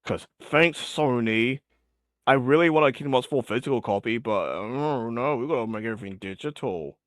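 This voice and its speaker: A man's voice: mid-range voice, normal speed, no echo, studio quality. A man as an interview guest, chatting casually and rambling with lots of filler words, his voice getting worn. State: losing his voice. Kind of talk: casual chat.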